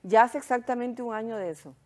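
A woman with a Hungarian accent, a sexologist guest recounting her story in animated, casual chat. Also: on the high side, fairly quick.

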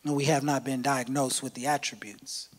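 A man preaching a sermon as pastor, impassioned and shifting between shouts and low tones, repeating words for emphasis. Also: fairly even intonation, normal speed. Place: church sanctuary. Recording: long hall reverb.

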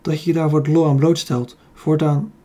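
Male narrator voicing a fussy, complaining young secretary; indignant whine, husky and mellow, storybook read. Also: fairly high pitch, level tone, brisk, close to an everyday voice. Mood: whining. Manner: indignant whining.

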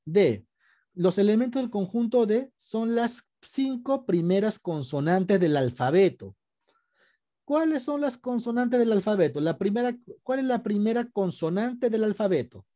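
A man's voice: high-pitched, expressive, a little slow, mellow. A male teacher, patiently taking an online class through an exercise step by step and quizzing his students. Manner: patient, explains step by step, asks students questions. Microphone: video call.

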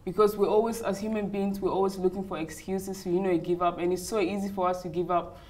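A woman's voice: mid-range voice, little pitch movement, fast, a little mellow. A young woman from Uganda who grew up in Australia, answering interview questions in a chatty way full of "like" and "you know". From Uganda, raised in Australia. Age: young adult. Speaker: interview guest, model. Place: hotel lounge, indoors.

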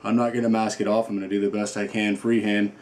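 Low-voiced male toy reviewer, loose and playful, rambles freely, roomy reverberant sound. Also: flat delivery, quick pace, darkish tone, a little hiss or hum. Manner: rambling and playful, many fillers. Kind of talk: casual unboxing chat.

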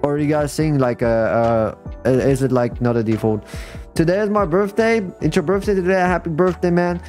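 A man's voice: on the high side, moderate pace, a little mellow. A man chatting casually and slangily as he hosts a live game stream and comments on players to his audience. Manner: slangy, addressing viewers and players as bro and guys. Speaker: live streamer hosting a game fashion show. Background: music playing behind the voice.

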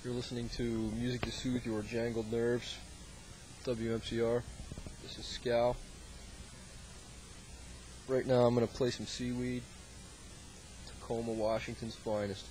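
Laid-back college radio DJ. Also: male voice, medium pitch, level tone, unhurried, pauses often, darkish tone, slight background noise, low-quality recording. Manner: dry, joking, laid-back patter. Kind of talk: late-night college radio banter.

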